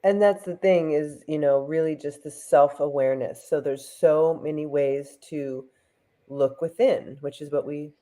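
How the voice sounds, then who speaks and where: Co-host, mellow tone, thoughtful questions, lots of "you know", casual chat. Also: medium pitch, fairly even intonation, measured pace. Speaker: podcast co-host.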